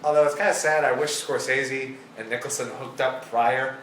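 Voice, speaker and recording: A man's voice: mid-range voice, steady tone, moderate pace, roomy sound, noisy background. A man co-hosting a casual film chat, enthusiastic and fond of quoting lines. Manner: enthusiastic, quotes movie lines. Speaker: podcast co-host.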